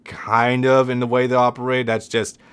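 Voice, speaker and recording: A man's voice: medium pitch, monotone, normal speed, smooth. Rambling man with a lisp. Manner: rambling, profane, frequent restarts. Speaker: let's play host. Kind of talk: casual gameplay commentary.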